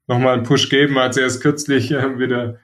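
A man discussing football club youth policy in a measured, reflective way, pausing often to find his words. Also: medium pitch, steady tone, a bit bright. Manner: measured, reflective, frequent hesitations. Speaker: podcast co-host, football pundit. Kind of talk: casual discussion.

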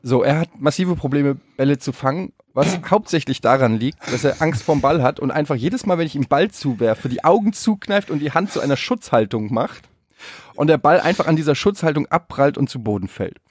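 A man in his thirties, a father telling a story in casual banter with friends, animated and swearing freely. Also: fairly high pitch, brisk, slightly rough, dry recording. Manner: animated storyteller, swears freely, bursts into loud put-on shouts. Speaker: podcast co-host, father.

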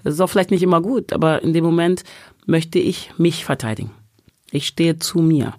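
A woman guest speaks in a casual podcast chat, emphatic and animated, slipping into the voices of the people she quotes. Her voice sits on a close, dry studio mic with no room sound around it. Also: low-pitched, moderate pace, no room sound.

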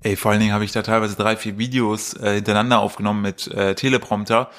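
A man's voice: fairly low pitch, level tone, fast talker, fairly bright tone. Casting: male podcast co-host, casual storyteller who rambles and jokes while reading out news. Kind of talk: casual chat.

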